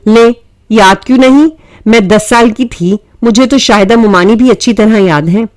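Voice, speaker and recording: A woman putting on a bubbly teen girl in a storybook, high and chatty, teasing her mom, dry close sound. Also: a little mellow, no room sound, lightly acted. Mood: eager. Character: lively teasing teenage daughter, girl.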